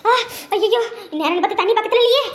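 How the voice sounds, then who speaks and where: A woman's voice: very high voice, fast talker, reverberant. A woman in a village comedy skit playing a greedy young wife who wails and whines about her food. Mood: wailing. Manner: wailing over a burnt mouth.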